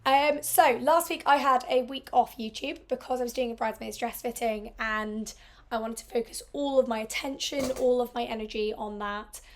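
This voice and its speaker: A woman in her thirties with a croaky, hoarse voice, chatting through a casual catch-up vlog about her sewing plans. She talks in a rambling, upbeat way with plenty of ums and asides, her pitch sitting a touch high. It is recorded at home on a small mic. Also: normal speed. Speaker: sewing vlogger. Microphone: small mic at the bottom of the frame.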